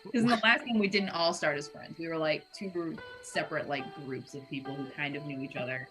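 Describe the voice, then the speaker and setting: Low-voiced giggly woman player. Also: fairly quick, a bit bright, soft background music, poor audio. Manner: giggly, rambling, tosses out ideas with laughs. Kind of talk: casual tabletop game chat.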